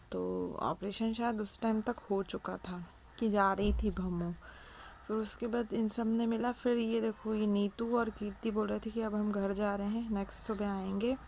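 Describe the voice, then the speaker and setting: Gravelly-voiced woman chatting casually. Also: medium pitch, a little mellow, slight background noise. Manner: chatty, filler-heavy storytelling with "to" and "matlab". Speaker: vlog recap narrator. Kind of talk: casual recap narration of another family's vlog.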